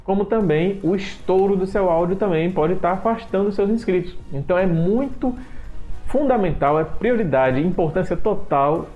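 A man's voice: high-pitched, moderate pace, narrow, tinny audio, soft background music. Man explaining his microphone filter settings. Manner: explanatory, repeats himself, restarts phrases. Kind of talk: screen-recorded software tutorial. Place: home room with street noise outside. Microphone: desktop microphone at a computer.

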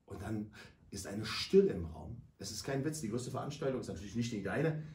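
A middle-aged man, an anti-bullying speaker telling his school stories loudly and dramatically in a radio talk. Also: fairly low pitch, animated, brisk. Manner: loud, dramatic, acts out scenes for listeners. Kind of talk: emphatic storytelling in a radio talk.

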